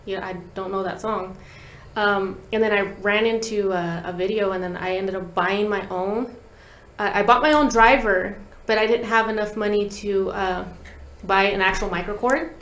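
A woman in her thirties, a guest musician who plays talk box, chats casually in a small indoor podcast studio, telling anecdotes in slangy language and acting out quoted dialogue. Her medium-pitched voice is fairly bright and even at a moderate pace, picked up by a desk microphone with roomy studio echo.

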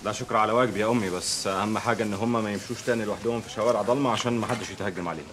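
An actor with an Egyptian accent playing a pious, modest young religious teacher in a TV drama. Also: male voice, on the low side, fairly even intonation, very fast, a bit bright, close to an everyday voice. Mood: humble. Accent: Egyptian Arabic. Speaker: neighborhood sheikh. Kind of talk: TV drama acting.

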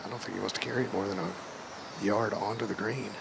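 A man's voice: fairly low pitch, fairly even intonation, fairly quick. A man giving live golf commentary in a wry, offhand manner. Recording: clear outdoor course noise behind.

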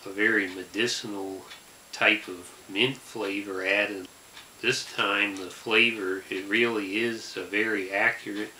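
A man in his forties hosting a product review, deadpan, measured and halting. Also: on the low side. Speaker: host, snack reviewer. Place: small room indoors. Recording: roomy with background noise.

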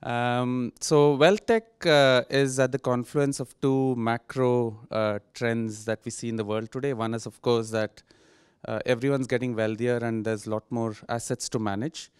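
A man's voice: mid-range voice, fairly even intonation, a little slow, smooth, no echo, studio quality. A man, a book co-author, introducing himself and explaining his topic articulately into a handheld mic in a seminar room. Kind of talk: self-introduction at book launch.

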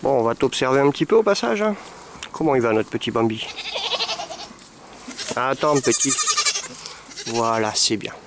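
A man, a dog breeder, coaxing and training puppies among goats with affectionate baby talk and sudden high calls. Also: expressive, moderate pace, long pauses, heavy background noise. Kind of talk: talking to puppies and goats while training them. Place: animal pen with goats.

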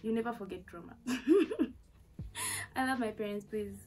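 A young Zambian-accented vlogger tells a personal story to a camera at desk distance in her small bedroom, casual and candid with plenty of fillers and asides. Her voice is a little high and darkish, her intonation lively, her pace slow, with faint music behind her.

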